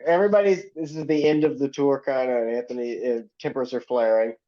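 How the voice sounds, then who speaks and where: A man's voice: medium pitch, steady tone, fast talker, warm tone. A man guesting on a podcast over a video call, telling a loose, rambling story with laughs and restarts. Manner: rambling, laughing, self-correcting. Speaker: podcast guest, band member. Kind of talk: casual storytelling. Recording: muffled video-call audio.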